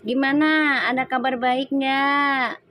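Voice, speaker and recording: Chatty high-voiced woman live streaming. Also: fairly even intonation, slow, pushed and bright. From Indonesia. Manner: chatty, laughs often, reads viewer comments aloud. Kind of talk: casual live stream chat.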